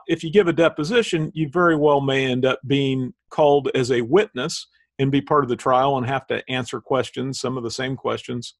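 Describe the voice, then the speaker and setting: A man's voice: medium pitch, creaky. A middle-aged man with a Southern Indiana Hoosier accent, talking casually and explaining things as a podcast co-host.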